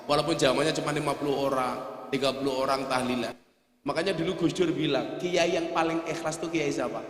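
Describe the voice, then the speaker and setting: A man preaching a humorous sermon, joking and throwing rhetorical questions at his audience, rising to loud emphatic peaks. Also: fairly high pitch, steady tone, a little fast. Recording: echoey hall with long reverb.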